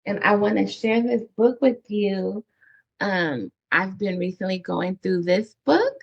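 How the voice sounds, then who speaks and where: A woman's voice: mid-range voice, expressive, unhurried, vocal fry, highs cut off. A woman from the Bay Area hosting a casual video-call interview, effusive and enthusiastic, with frequent fillers. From San Francisco Bay Area. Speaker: interview host.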